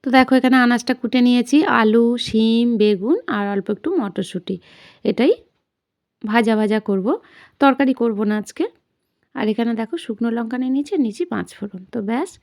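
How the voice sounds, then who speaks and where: A woman's voice: fairly high pitch, darkish tone. Chatty woman vlogging her day at home. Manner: chatty, talks to viewers as friends while doing chores. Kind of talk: casual home vlog narration. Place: home kitchen indoors.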